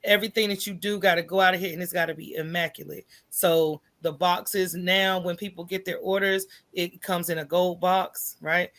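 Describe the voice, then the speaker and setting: A middle-aged American coffee shop owner is an interview guest, her low-leaning voice moving at normal speed with hardly any pauses. She spins animated stories, voicing her quoted thoughts and often ending phrases with "right?".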